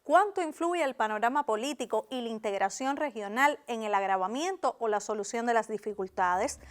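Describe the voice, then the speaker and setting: A woman's voice: a little high, expressive, a little fast. A woman presenting a scripted broadcast programme introduction. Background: music.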